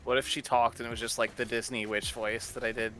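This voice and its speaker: A man playing a game with friends, talking in a relaxed, rambling way. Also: mid-range voice, quick pace. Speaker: co-player. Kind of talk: casual gameplay chat.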